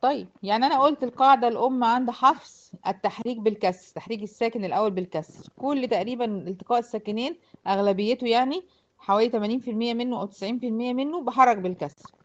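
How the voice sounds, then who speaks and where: A woman's voice: fairly high pitch, rapid-fire, highs cut off. A woman with an Egyptian accent teaching a class, explaining step by step and often checking that her students follow. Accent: Egyptian Arabic. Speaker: Quran recitation teacher. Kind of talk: explanatory lesson to a class of girls.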